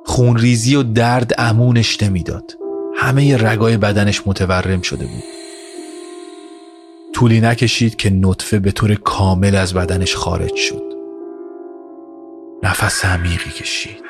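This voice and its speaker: Guy reading a story, low steady voice, music playing under him. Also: pauses often. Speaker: narrator. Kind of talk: scripted audio story narration. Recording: narration over music score. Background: music score.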